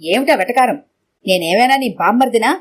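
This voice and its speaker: A woman narrator voicing a gruff, blustering male burglar with a knife. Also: very high-pitched, animated, fairly quick. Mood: gruff threatening.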